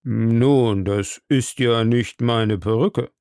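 A pompous old judge holds court, dragging out every word, as a male narrator reads him. His voice is gravelly and unhurried. The recording is dry and close. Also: medium pitch, a little mellow, no echo. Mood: officious. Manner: slow and deliberate. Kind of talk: audiobook character voice.

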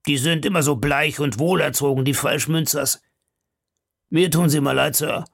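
A man's voice: fairly high pitch, fairly even intonation, normal speed, vocal fry, no echo, clean studio sound, voice pushed up. A man doing a fawning chatty prison food server. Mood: gossiping. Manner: obsequious, chatty, gossipy.

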